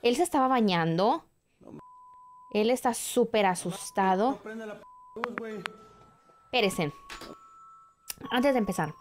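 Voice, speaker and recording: A woman's voice: medium pitch, expressive, takes it slowly, long pauses, crowd noise. A woman in her twenties hosting a reaction video, chatting animatedly with jumpy exclamations. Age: 20s. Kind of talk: casual reaction commentary.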